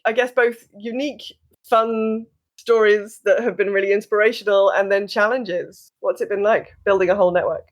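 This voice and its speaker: A man hosting a casual podcast interview in a high voice. He agrees readily and stumbles through fillers as he looks for his next question. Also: steady tone, moderate pace. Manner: warmly agreeing, hesitant with fillers.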